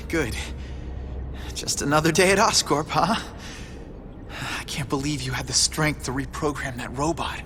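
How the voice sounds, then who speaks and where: A man's voice: fairly high pitch, a little slow, noisy background, close to an everyday voice. A young man with an American accent, acting as a devoted, wry young superhero in a video game cutscene. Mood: relieved, wry. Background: loud music.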